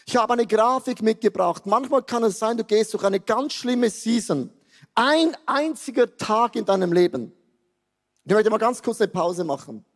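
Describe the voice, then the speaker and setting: A man in his fifties with a Swiss German accent preaching a sermon, animated and joking, dropping to quiet asides and rising to exclamations. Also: high-pitched, normal speed. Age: 50s. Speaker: pastor. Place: large church hall. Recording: long hall reverb.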